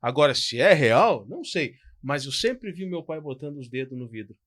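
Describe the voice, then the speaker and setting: A man, co-hosting a pastoral podcast in a casual, animated storytelling way. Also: on the high side, moderate pace, no room sound. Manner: animated, storytelling, frequent "cara" and "tu". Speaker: podcast co-host.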